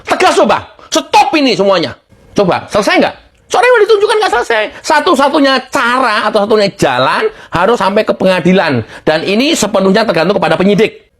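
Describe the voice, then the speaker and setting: A woman's voice: medium pitch, sing-song, brisk. Fiery woman firing rhetorical questions. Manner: impassioned, fires rhetorical questions, laughs mockingly. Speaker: political commentator. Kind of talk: heated political commentary.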